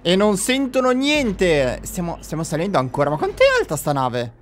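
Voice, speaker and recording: Excitable high-voiced gamer. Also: male voice, normal speed, faint music behind. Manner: excitable, jokey, swings to panicked yelling; addresses viewers directly. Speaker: gamer playing a horror game. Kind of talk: let's play commentary.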